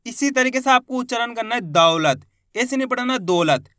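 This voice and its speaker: A man teaching children to read, spelling out syllables slowly and stressing each whole word loudly, with quicker, quieter explanations in between. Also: very high-pitched, level tone, clear, resonant tone, dry recording, clean studio sound. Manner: drawn-out syllables, rising loud on each finished word. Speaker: Hindi reading teacher. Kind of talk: slow spelled-out phonics lesson.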